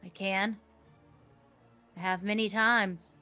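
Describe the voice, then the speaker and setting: A woman playing an earnest forest protector in a tabletop game, speaking in formal, measured, oath-like phrases. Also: medium pitch, fairly even intonation, sharp tone, muffled recording, soft background music. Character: solemn, earnest forest protector pleading for peace. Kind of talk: tabletop game role-play.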